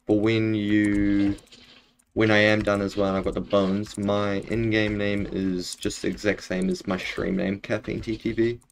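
Low-voiced Kiwi bloke streaming. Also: male voice, level tone, a little slow, a little hiss or hum. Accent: broad New Zealand. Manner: laid-back, matey, says bro often. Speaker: game streamer. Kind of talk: casual live-stream chat while gaming. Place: bedroom, indoors.

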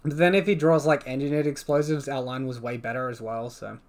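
A young man giving casual live commentary on his own card game match, thinking aloud about each play and swinging between groans and relieved excitement. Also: mid-range voice, fairly quick.

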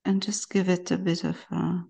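A woman giving a casual painting demonstration, talking softly and haltingly as she works. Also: fairly low pitch, level tone, gravelly, husky. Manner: soft-spoken, halting, talks to herself while painting. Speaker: painting instructor.

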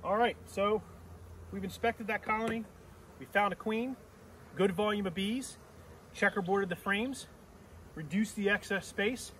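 A middle-aged man demonstrates beekeeping at an outdoor grassy-yard apiary, giving plain explanations of each step as he works. He talks a little slowly with long pauses in a high, somewhat bright voice, and the camera mic a few steps off adds a little hiss or hum.

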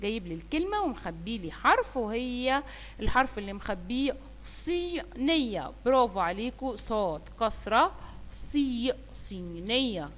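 A woman teacher with an Egyptian Arabic accent, slowly sounding out letters and words for young children and praising them often. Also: fairly high pitch, very animated, in a large hall. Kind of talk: online phonics lesson for young children.

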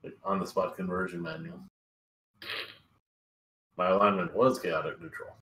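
A man's voice: low-pitched, fairly even intonation, normal speed, bright, forceful tone, echoey room, rough recording. A man playing in an online tabletop game, chatting and joking with the table. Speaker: player. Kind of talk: casual chat at a game table.

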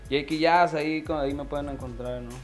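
A young man talks casually as a rapper guest, stretching his fillers and using plenty of slang. His delivery stays flat and low-key, with faint music in the background. He speaks into a handheld mic in a small studio. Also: brisk. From Mexico. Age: 20s. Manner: laid-back slangy talk, drawled fillers. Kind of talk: casual interview.

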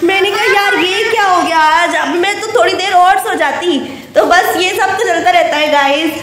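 Very high-pitched and at a moderate pace, this woman in her thirties vlogs to her phone camera at arm's length, with crowd noise, echo, and background noise around her. She chats casually and talkatively from her plant-filled home veranda, going indoors and out, mixing in English phrases and addressing viewers as guys.

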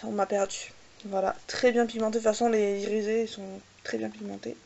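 A woman's voice: mid-range voice, level tone, vocal fry, mellow, highs cut off. A woman hosting a casual makeup swatch vlog, talking hesitantly with many filler sounds and repeated little asides, joking about her own pronunciation. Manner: hesitant, fills pauses with "euh" and repeated "voilà"; jokes self-mockingly about her English pronunciation. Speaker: beauty vlogger host.

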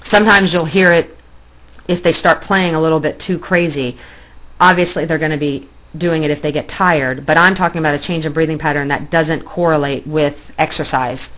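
Low-voiced woman teaching dog behavior. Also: fairly even intonation, moderate pace, a bit bright. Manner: explanatory, plainspoken, pointing at pictures. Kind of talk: online lecture with slides.

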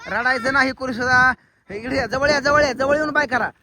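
A man's voice: extremely high pitch, a little fast, crowd noise. A man, vlogging a children's contest and repeating instructions to them in a coaxing way. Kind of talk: casual outdoor vlog commentary.

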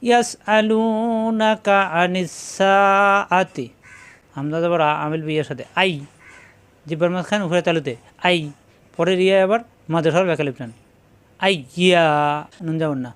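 A man teaching Quran reading, spelling each syllable aloud and then chanting the joined words in a slow, drawn-out tune. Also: fairly high pitch. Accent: Bangladeshi Bengali. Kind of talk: slow letter-by-letter recitation lesson.

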